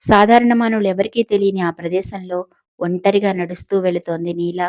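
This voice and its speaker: Woman storyteller, scripted narration, steady and descriptive, mid pitch, dry close recording. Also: dry recording, muffled recording.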